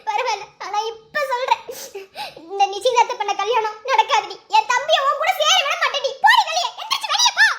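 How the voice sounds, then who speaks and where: A fierce, scolding cartoon woman voiced by a woman who shouts orders to get out of the house. Her voice is very high and bright, and she speaks fast. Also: echoey room. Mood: furious. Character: furious proud woman defending her brother. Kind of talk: Tamil cartoon voice acting.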